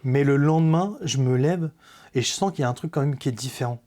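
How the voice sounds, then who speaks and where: Man, mellow dark voice, halting, earnest, confessional testimony, many hesitations. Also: medium pitch. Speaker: podcast guest giving a testimony. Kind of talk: personal faith testimony in conversation.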